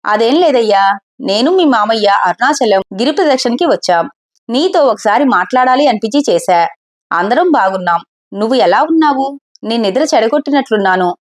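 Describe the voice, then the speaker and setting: A gentle older mother, soft and soothing, patiently talking her proud husband round, as a woman storyteller voices her. Her tone stays mild and reasonable, with a slightly high voice. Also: animated, a little fast, natural voice. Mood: coaxing.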